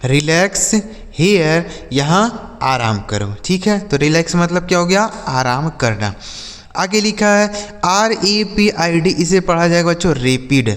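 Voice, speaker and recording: A man teaching English words to children, spelling each word out letter by letter and repeating every example slowly. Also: a little high, animated, fairly bright tone, big-room sound. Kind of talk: vocabulary lesson for children.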